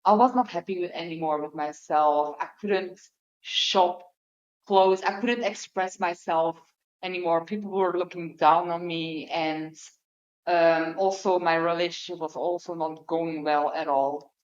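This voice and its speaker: A woman's voice: on the low side, steady tone, a little slow. A young woman from the Netherlands, a podcast guest, telling her own story openly with a lot of hesitation and fillers. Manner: open, hesitant, many fillers. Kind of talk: candid personal conversation. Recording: dull lo-fi audio.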